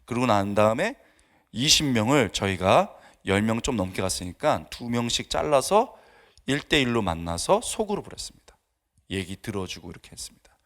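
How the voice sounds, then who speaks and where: Male pastor, middle-aged, lively pitch, sermon storyteller who dips into whispers. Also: normal speed. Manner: animated storytelling, acts out dialogue, drops to whispers. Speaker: pastor and seminary professor. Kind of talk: dawn service sermon.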